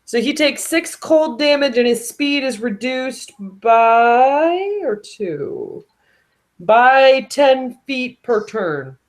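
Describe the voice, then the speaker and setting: A woman with a high voice plays a tabletop game. She is chatty and thinks out loud as she works out her moves. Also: very animated, very slow. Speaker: player. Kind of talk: casual tabletop game play.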